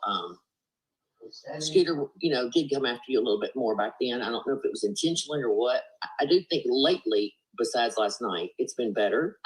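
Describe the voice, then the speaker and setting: This Southern US woman has a very deep voice and speaks earnestly as a panelist on a live-stream video call, rambling and leaning on fillers and "you know." She's captured through a laptop or phone mic, and the recording is rough.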